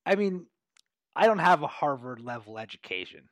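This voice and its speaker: A man hosting sports talk in an upbeat, energetic way, his voice a touch higher than usual for a man. The recording is dry and close, with no room sound. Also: moderate pace, dry recording. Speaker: host.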